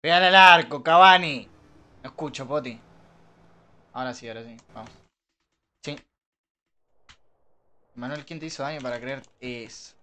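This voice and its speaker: A young man with an Argentine Rioplatense accent, chatting casually with his live-stream viewers while gaming, joking, swearing and breaking into frustrated shouts. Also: mid-range voice, steady tone, normal speed, pauses often. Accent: Argentine Rioplatense Spanish. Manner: banters with chat, swears, bursts into frustrated shouts.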